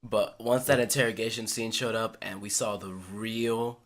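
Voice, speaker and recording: A man's voice: lowish voice, fairly even intonation, moderate pace. A man co-hosting a casual podcast, eagerly leading topics and recapping episodes. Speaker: podcast co-host. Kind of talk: casual chat.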